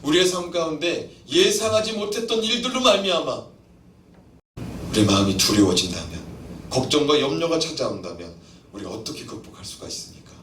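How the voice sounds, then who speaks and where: A man preaching a sermon as pastor in a church, animated, acting out voices and questioning his congregation. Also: a little high, a little fast, reverberant, far from the mic, slight background noise. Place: church sanctuary.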